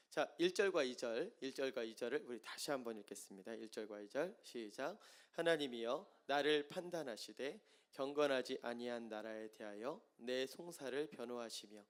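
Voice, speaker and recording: A man preaching a sermon as pastor, moving from soft explaining to loud impassioned pleading. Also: medium pitch.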